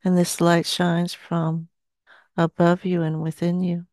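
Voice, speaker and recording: An older woman in her sixties speaks as a seance medium in trance. Her delivery is solemn and very even in pitch, with long pauses between short phrases. The sound is dry and close on a headset. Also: no echo. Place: small dim indoor room.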